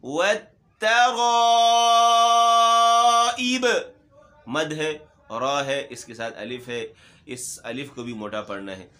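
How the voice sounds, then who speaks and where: A man teaching Quran recitation, briskly and patiently explaining pronunciation rules to learners. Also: mid-range voice, fairly bright tone.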